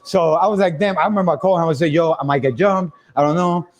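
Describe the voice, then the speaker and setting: A young man with a high voice spins a casual story for his stream audience. He is animated, laughs often and acts out everyone's lines. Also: fast talker.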